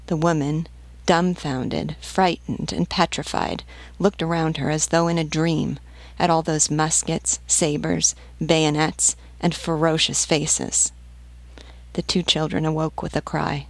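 A woman reads a classic novel aloud in a measured, deliberate way. Her voice sits low with a gravelly texture, recorded close and dry with no room sound. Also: little pitch movement, dry recording. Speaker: audiobook narrator. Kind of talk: scripted reading of a classic novel.

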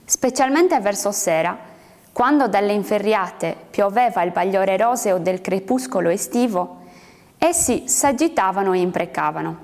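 A woman narrating a literary story aloud in a measured, expressive reading. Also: medium pitch. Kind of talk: audiobook reading of literary fiction. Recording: long hall reverb.

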